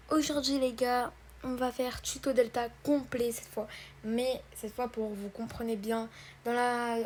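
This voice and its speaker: Stumbling, chatty tutorial voice, higher pitch. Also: female voice, a little mellow, slight background noise. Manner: hesitant, stumbling, many filler words; addresses viewers as "guys" and "brothers". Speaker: tutorial host. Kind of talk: casual screen-recorded tutorial.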